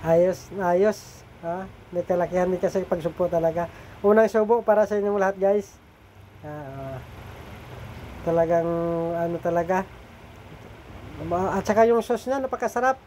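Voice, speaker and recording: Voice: medium pitch, moderate pace, long pauses, mellow, slight background noise. A middle-aged food vlogger with a slightly nasal voice, chatting casually to viewers while eating and cooking, often turning to them for agreement.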